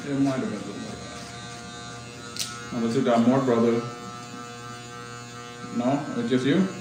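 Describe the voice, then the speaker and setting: A man's voice: medium pitch, fairly even intonation, slow, heavy reverb, recorded from a distance, background noise. A man working as a barber, chatting in an easygoing way with short questions. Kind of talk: casual chat.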